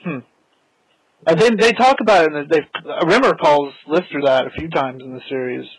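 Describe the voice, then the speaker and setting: A man's voice: a little high, moderate pace, slightly rough, poor audio. A man hosting a casual podcast, chatting about a show while watching it and laughing at his own jokes. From United States. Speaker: podcast host.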